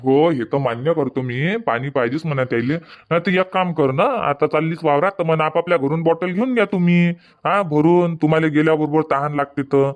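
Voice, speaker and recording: A cartoon voice actor plays a stubborn, middle-aged village farmer husband in a comic cartoon, grumbling, placating, and arguing back. His fairly high voice sounds natural and brisk.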